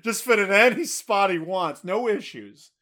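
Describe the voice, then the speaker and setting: A man's voice: high-pitched, measured pace, pushed and bright. A man co-hosting a casual history podcast, bantering with mock outrage and jokes. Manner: joking, mock-indignant banter. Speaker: podcast co-host.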